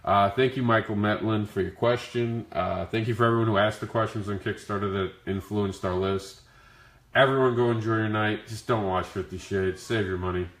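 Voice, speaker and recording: Growly, low-voiced man with the flu, echoey room. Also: steady tone, normal speed. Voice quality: growly, rough voice. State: sick with the flu. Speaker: comic creator hosting a Q&A. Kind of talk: casual livestream Q&A talk. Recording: echoey, roomy sound.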